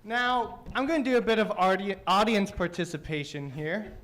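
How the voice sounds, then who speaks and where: A man's voice: sits high, moderate pace, fairly bright tone. A young man doing open mic stand-up in a small studio. He is brash and profane, teases the crowd, and has a thick, mushy way of saying his words. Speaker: stand-up comedian; teacher. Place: small comedy studio stage.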